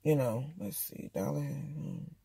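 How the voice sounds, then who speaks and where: Husky woman chatting a TV recap. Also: rumbling low, sing-song, takes it slowly, warm tone, dry recording. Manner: slangy, candid, talks straight to viewers. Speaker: TV episode reviewer. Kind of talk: casual recap chat.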